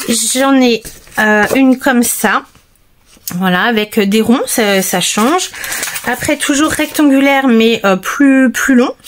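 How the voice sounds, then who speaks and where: A woman with a slightly high voice walks viewers through her paper-crafting supplies in a casual tutorial. She talks in an easygoing, chatty way, full of small hesitations and asides to the audience. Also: slow pace, slight background noise. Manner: chatty and relaxed, speaks straight to viewers, many hesitations.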